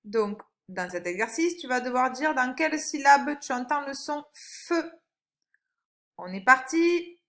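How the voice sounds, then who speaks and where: A woman, a primary school teacher, giving a recorded phonics lesson for young children, with slow, clear and encouraging instructions. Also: sits high, expressive, fairly bright tone. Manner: stretches out single words when reading them aloud.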